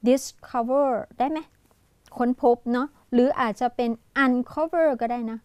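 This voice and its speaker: A woman's voice: sits high, steady tone, slow, smooth, no echo. A woman with a Thai accent, teaching an English exam-prep lesson and thinking aloud as she mixes Thai with English words.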